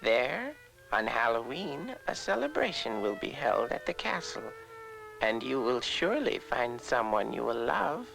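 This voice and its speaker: A woman performs a gentle, very old great-grandmother in a storybook fairy tale. Her voice is low and creaky, her delivery slow and tender. Music plays behind her. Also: big pitch swings, heavily acted, rough recording. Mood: tender, solemn. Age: very old woman, as played.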